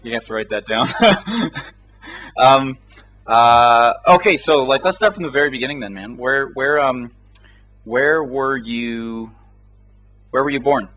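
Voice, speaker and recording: A man's voice: mid-range voice, expressive, unhurried, fairly bright tone, soft background music, rough recording. A man interviewing a guest in a laid-back, chatty way, with plenty of fillers. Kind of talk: casual interview.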